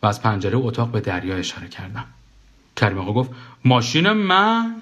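A man's voice: on the low side, lo-fi sound. Man reading a wry first-person story.

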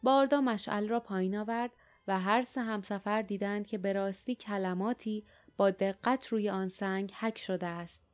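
A woman reading an audiobook aloud, calm and even, with a mid-range voice. Her storytelling is steady and measured. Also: medium pitch. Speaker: audiobook narrator. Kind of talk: scripted narration.

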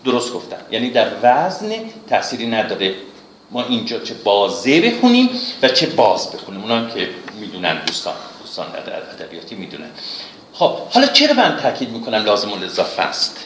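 A man teaching classical poetry in a class, explaining patiently, checking with his listeners and reciting verses slowly. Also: fairly low pitch, huge pitch swings, a bit bright. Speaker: literature teacher. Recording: echoey room with faint noise.

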